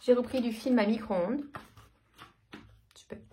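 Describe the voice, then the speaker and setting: A woman's voice: fairly high pitch, unhurried, noisy background. A woman in her thirties chatting casually through a shopping haul, hesitant with many fillers. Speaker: vlogger. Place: home.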